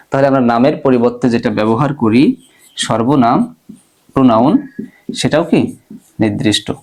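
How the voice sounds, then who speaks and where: A man with a mid-range, darkish voice teaches Arabic grammar in an online lecture. He slows down to walk through everyday examples, posing questions to his listeners and then answering them himself.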